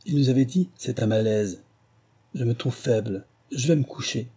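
A man voicing a flustered young hotel waitress who chatters in a hurried, excited rush. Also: mid-range voice, husky, lightly acted. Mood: breathless.

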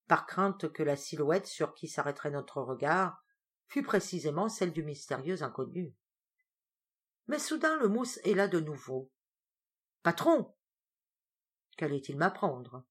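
A woman reading a first-person sea tale aloud in a dramatic, theatrical way. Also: husky. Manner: expressive, theatrical, with sudden rises in pitch and loudness for suspense. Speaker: storyteller.

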